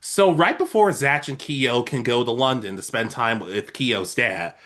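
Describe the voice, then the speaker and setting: A man co-hosting a casual anime podcast, his voice bright and forceful. His pitch swings widely as he recaps episodes, and he slips into little acted-out quotes along the way. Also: a little slow. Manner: animated, acts out characters' lines in quotes. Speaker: podcast co-host. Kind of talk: casual chat about anime.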